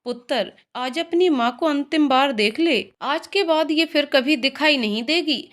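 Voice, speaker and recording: A woman voicing a heartbroken husband who mourns and prays in sorrow, in her own high voice. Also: unhurried, fairly bright tone. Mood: sorrowful. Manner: sorrowful, praying. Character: grieving Punjabi husband, heartbroken.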